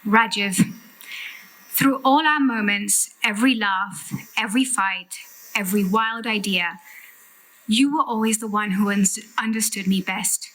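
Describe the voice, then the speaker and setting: A middle-aged woman delivering a prepared farewell speech with heartfelt, emphatic and deliberate phrasing. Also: medium pitch, a bit bright, rough recording. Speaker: sister giving a farewell eulogy.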